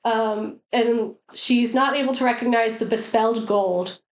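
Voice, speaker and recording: A woman's voice: a little high, unhurried. A woman co-hosting a podcast, chatting casually about a film with lots of fillers and little acted-out lines. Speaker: podcast co-host. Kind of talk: casual movie discussion. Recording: echoey room.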